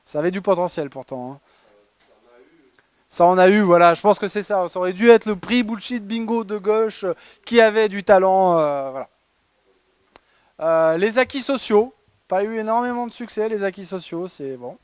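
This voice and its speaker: Chatty high-voiced French man presenting. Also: normal speed, clear, resonant tone, dry recording. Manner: ironic, chatty, many fillers and restarts. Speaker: conference presenter. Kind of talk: humorous award presentation. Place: conference hall.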